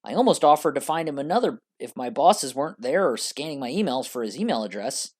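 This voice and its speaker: A narrator reading a scripted first-person story with an expressive delivery. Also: medium pitch, fairly quick.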